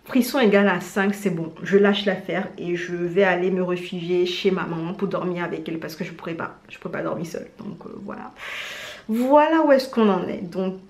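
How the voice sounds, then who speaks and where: A woman vlogger chatting casually in an animated, slangy, self-mocking way as she gives recommendations. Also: fairly low pitch, fairly quick. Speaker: vlogger presenting drama recommendations. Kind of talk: casual chat to camera. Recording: roomy indoor echo.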